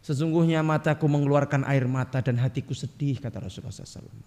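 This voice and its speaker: A male preacher with a Javanese accent giving a lively, joking religious lecture, often putting questions to his audience. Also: medium pitch, very fast, big-room sound. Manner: jokey, engages audience with direct questions.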